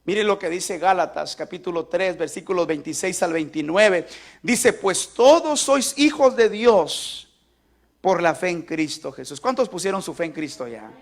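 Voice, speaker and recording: High-voiced man preaching call-and-response. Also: normal speed. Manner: asks the congregation to repeat lines aloud. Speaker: pastor. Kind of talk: sermon.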